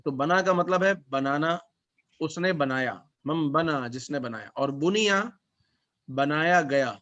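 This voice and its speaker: Male Arabic teacher, somewhat high voice, patient word-by-word explanations, dull recording. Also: fairly bright tone. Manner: explains word by word, reciting verses then translating. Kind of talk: classroom lesson.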